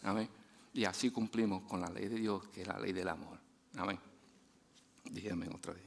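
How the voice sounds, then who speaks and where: A man preaching a sermon in a chatty storytelling way, laughing often, restarting his sentences and dropping soft and low for his main points. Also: steady tone, normal speed, gravelly, slight background noise. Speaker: guest preacher.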